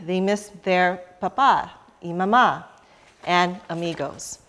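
Slow, halting woman, American-accented Spanish. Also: lowish voice, a bit bright. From Philippines, emigrated to Chicago in childhood. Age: middle-aged. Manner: halting, stumbling over Spanish words, slipping into English. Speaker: guest speaker. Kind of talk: prepared speech read to an audience. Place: indoor conference hall, panel table. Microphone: table conference microphone.

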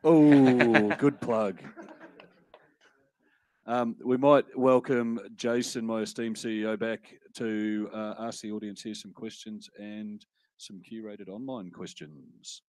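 Slow, relaxed man handing over the stage. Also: on the low side.

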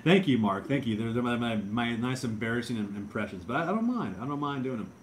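A young man hosts a casual livestream, answering viewer comments. He talks in a hesitant, self-deprecating mumble with many restarts, at a middle pitch with a faint hum behind him. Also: expressive, quick pace. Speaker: livestream host.

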